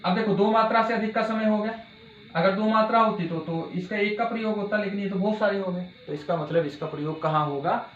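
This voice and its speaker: A male teacher giving an exam-prep grammar lesson, asking his students questions and repeating key words slowly. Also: high-pitched. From India. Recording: dull, echoey room with faint hiss.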